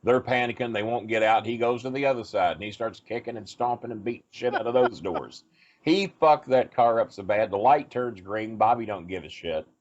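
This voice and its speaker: Brisk and on the low side, this man's voice carries a meandering, foul-mouthed tale from the road. He's a wrestling storyteller guesting on a podcast, chatting loosely with plenty of fillers, and the recording is dull and lo-fi.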